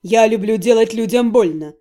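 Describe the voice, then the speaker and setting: A woman voicing an arrogant, cruel young male necromancer in an audiobook, with a low, menacing, self-satisfied drawl. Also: moderate pace, mellow, lightly acted.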